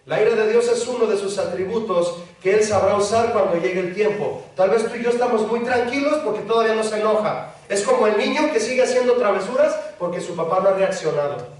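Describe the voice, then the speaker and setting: A pastor preaching a sermon, acting out the voices of a pleading child and a parent. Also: male voice, high-pitched, a little fast, few pauses. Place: church hall. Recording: very echoey hall, mic far off.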